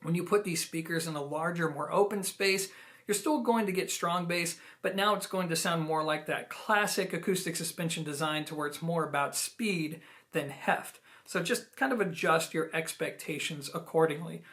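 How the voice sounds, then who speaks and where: This audio gear reviewer hosts a video product review, addressing viewers on camera in a conversational, explanatory way full of emphatic personal opinions. His voice is a little high and a bit bright, at a moderate pace.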